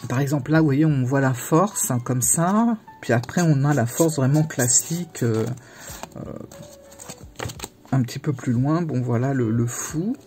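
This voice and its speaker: A woman vlogger chatting casually to the camera about her tarot decks, in a halting, self-interrupting way with frequent pauses. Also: very deep voice, mellow, faint music behind.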